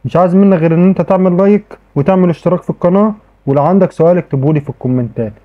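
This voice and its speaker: Talking very fast in a high voice, this Egyptian-accented man chats his way through a casual tech tutorial recorded off his screen. His sentences often restart, and "okay" comes up again and again. Sound quality is thin and phone-like.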